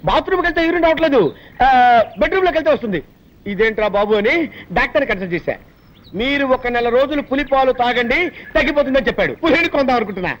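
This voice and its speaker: A man playing a forgetful, blustering office boss in a comedy film scene, giving orders fast. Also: very high-pitched, lively intonation, a bit bright, a little hiss or hum, poor audio. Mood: bossy. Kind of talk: comic film dialogue.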